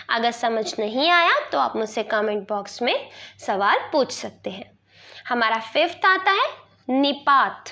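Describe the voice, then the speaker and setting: Slow, high-voiced woman teaching grammar. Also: bright, forceful tone. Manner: explains slowly, asks rhetorical questions and answers them. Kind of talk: Hindi grammar lesson.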